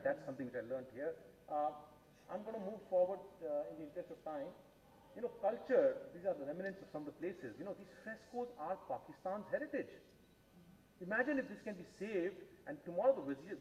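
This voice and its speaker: A man with a refined, educated Indian accent speaks earnestly and emphatically as a lecturer. His voice sits slightly high for a man. The recording is muffled and echoey, with some background noise. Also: a little mellow. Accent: educated, posh Indian English. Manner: earnest, emphatic, often adds "right?" as a tag. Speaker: guest speaker giving a heritage talk with slides. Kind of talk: public lecture with personal anecdotes. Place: indoor talk venue at a festival. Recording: muffled, roomy hall sound with noise.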